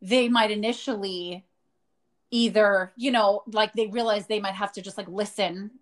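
A woman's voice: medium pitch, moderate pace. A woman co-hosting a podcast, telling stories emphatically with a lot of animation. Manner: emphatic, animated storytelling with restarts. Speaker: podcast co-host. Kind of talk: casual chat.

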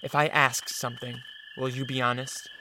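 An actor playing a wary, sheltered vampire count in a radio drama, guarded and earnest. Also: male voice, medium pitch, level tone, normal speed, background noise, natural voice. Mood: wary, subdued.

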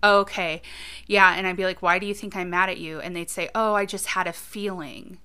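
A woman's voice: fairly low pitch, steady tone, fairly quick, bright, forceful tone, clear, resonant tone. A woman in her thirties chatting casually on a podcast, thinking aloud and often saying "you know". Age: 30s. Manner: reflective, talks things through with many "you know"s. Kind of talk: casual conversational chat.

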